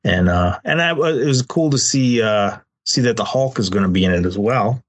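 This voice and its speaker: A man co-hosting a podcast in casual chat, relaxed and agreeable, with lots of fillers and restarts. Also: fairly low pitch, normal speed. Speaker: podcast co-host.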